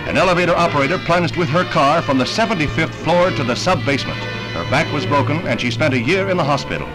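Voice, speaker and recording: A man's voice: on the high side, expressive, fast, poor audio. A man doing old newsreel narration in a grave, formal, dramatic way. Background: loud music.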